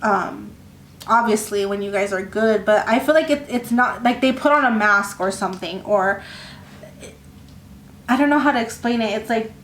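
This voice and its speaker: A woman giving a casual tarot reading, talking in a rambling, halting way with many fillers and restarts. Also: a little high, slight background noise. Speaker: tarot reader. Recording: echoey room with faint ambience.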